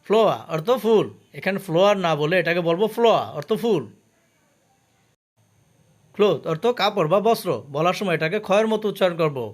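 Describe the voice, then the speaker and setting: A man teaching English vocabulary, saying each word and its meaning twice and stopping to explain the pronunciation. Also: sits high. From Bangladesh. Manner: slow, careful drill with pronunciation notes.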